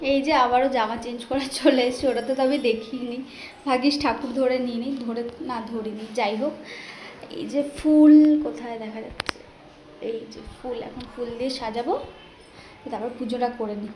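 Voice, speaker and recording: Young woman, high voice, a bit hoarse, chatty vlog talk, lots of background noise. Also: a little mellow. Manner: chatty, breezy running commentary. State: hoarse from a cold. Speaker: vlogger. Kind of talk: casual daily vlog narration. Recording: noisy home and street ambience.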